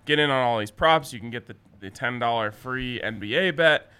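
A man's voice: mid-range voice, fairly quick, sharp tone, smooth. A man hosting a sports betting show in a casual, chatty style.

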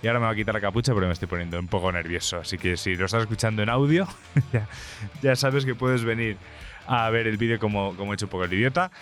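A man's voice: lowish voice, fast, fairly bright tone, soft background music. A man hosting a podcast, chatting casually in a joking, self-mocking, rambling way. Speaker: podcast host.

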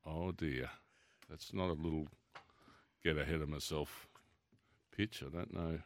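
A man's voice: a bass voice, steady tone, measured pace. A man with an Australian accent hosting a casual racing radio show, teasing his co-hosts in a jovial way. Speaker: radio host.

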